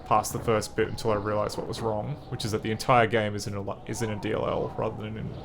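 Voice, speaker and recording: A man's voice: fairly low pitch, little pitch movement, fast, gravelly, noisy background. Chatty man streaming an old game. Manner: chatty, rambling, amused. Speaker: streamer playing a retro game. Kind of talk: casual live-stream commentary.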